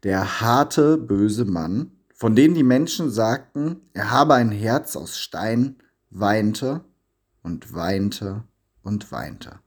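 A man reading a children's story aloud with expressive, lively storytelling. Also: fairly low pitch, extremely slow, husky. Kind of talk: scripted storybook narration.

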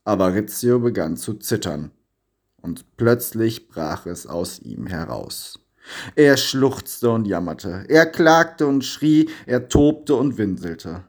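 A man reading a children's story aloud with expressive, lively storytelling. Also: on the low side, slow pace. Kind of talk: scripted storybook narration.

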